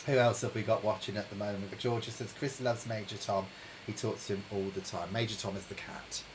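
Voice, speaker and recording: A man hosting a live-streamed pub quiz from home, chatting with viewers and reading each question slowly, then repeating it. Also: fairly low pitch, steady tone, noisy background. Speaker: quiz host. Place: home during lockdown.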